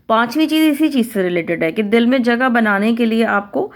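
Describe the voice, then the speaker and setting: A woman from Pakistan giving a conversational talk on family relationships, listing points one by one and acting out what people say. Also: a little high. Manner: conversational, repeats and lists points, acts out quoted speech. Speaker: Islamic family-life speaker.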